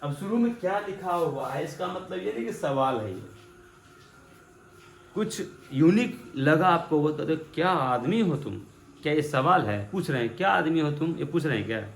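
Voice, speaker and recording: A man's voice: on the high side, expressive, normal speed. A man teaching English grammar in Hindi to a class, acting out his examples and asking the class repeated questions. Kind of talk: classroom lesson explaining. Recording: echoey room with faint background noise.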